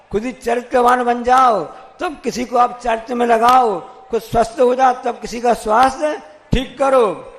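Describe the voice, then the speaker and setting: A man's voice: very high voice, long reverb tail. A man, a monk, giving a sermon, telling stories with acted quotes and repeated phrases. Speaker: Jain monk.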